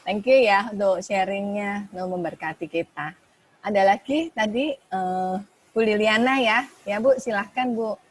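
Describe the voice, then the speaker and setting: A woman hosting an online meeting, thanking speakers and responding slowly and affirmingly. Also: medium pitch, a little hiss or hum. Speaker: meeting host. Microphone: video call.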